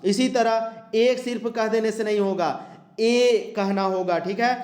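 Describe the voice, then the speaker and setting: High-voiced man teaching grammar. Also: normal speed, a little mellow. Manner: explains step by step, repeating terms and drawing out example sounds. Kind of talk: exam-prep grammar lesson. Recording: echoey room.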